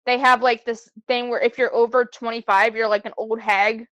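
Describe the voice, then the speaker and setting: A young woman talks casually about the themes of a show. Her voice sits a little high, and she mixes thoughtful points with easy laughter. The recording is dry and close. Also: fairly even intonation, fairly bright tone, no room sound, highs cut off. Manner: chatty, reflective, quick to laugh. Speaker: podcast co-host. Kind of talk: casual anime discussion.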